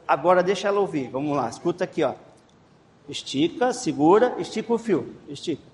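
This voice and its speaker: A man's voice: on the high side, expressive, brisk, darkish tone. Male teacher, coaxing kids along, echoey room with faint noise behind. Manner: coaxing, encouraging, repeats instructions. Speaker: children's Bible class teacher. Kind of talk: leading a children's game.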